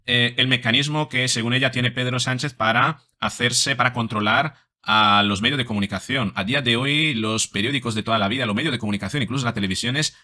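A man's voice: medium pitch, bright, forceful tone. A man in his thirties, a psychologist commentating on a video, talking emphatically with many fillers and rhetorical questions into a desk microphone in a small home studio. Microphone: desk microphone in front.

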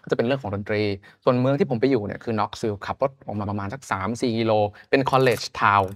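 A man's voice: mid-range voice, fast, fairly bright tone, no echo. A man from Thailand in his thirties, a podcast guest chatting casually in loose, slangy talk. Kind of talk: casual chat.

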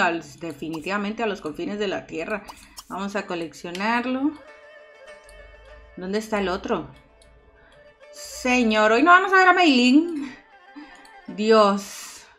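A woman's voice: medium pitch, a bit bright. A woman chatting through her video game as host, talking to her characters and exclaiming often. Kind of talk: casual let's-play commentary. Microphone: microphone set too far off at times.

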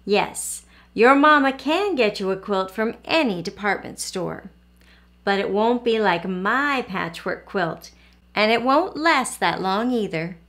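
Reading a storybook aloud, a woman voices a proud old grandmother musing fondly over her quilt in homespun folksy dialect, drawing each word out slowly. She sounds older and gentle, unhurried, with a mid-range voice and lively intonation.

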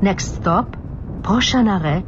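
Woman announcing stops over a bus loudspeaker. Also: lively intonation. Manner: slow, measured, formal. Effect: heard over a bus loudspeaker. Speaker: transit stop announcer. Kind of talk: recorded stop announcements. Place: inside a moving city bus. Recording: muffled bus speaker with vehicle noise. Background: bus engine and road rumble.

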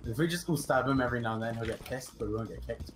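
A man chatting with friends over a shooter match. His voice sits in an ordinary middle pitch, and his crude jokes land in a dry, offhand way. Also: rapid-fire. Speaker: gamer on voice chat. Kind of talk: casual banter.

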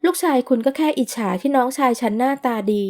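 An outspoken young female student, voiced by a woman narrator, blunt and direct. Her voice sits a little high, in a storybook audio drama. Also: fast, a little mellow, close to an everyday voice. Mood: defiant. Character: young female university student, protective older sister.

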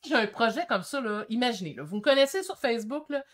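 A woman in her fifties with a Québécois French accent, chatting excitedly while reading viewer comments on her painting stream. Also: on the high side. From Quebec. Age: 50s. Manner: excitable and chatty, quick shifts in energy. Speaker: painting channel host. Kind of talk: casual livestream chat reading comments.

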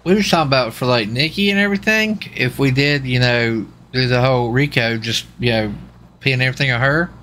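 Brisk and forceful, a bright mid-range male voice rambles and repeats itself in casual talk during a role-play game livestream, with faint noise in the background.

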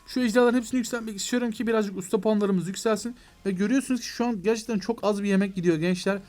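A young man giving excitable let's play commentary on a mobile game, talking to his viewers and to the game, with mock frustration when things go wrong. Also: high-pitched, racing. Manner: excitable, addresses viewers as "gençler". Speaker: gaming YouTuber.

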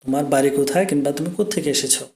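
Man teaching slowly in an echoey room. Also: fairly high pitch, darkish tone. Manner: repeats each phrase slowly and deliberately. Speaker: language teacher. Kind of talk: spoken language lesson.

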